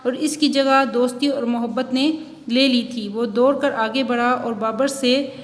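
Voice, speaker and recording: A woman teacher giving a recorded school lesson, explaining punctuation and reading a story aloud at a slow, careful pace. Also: fairly high pitch, steady tone, long reverb tail. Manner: reads textbook examples and a story aloud, explaining slowly. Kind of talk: online Urdu class lecture.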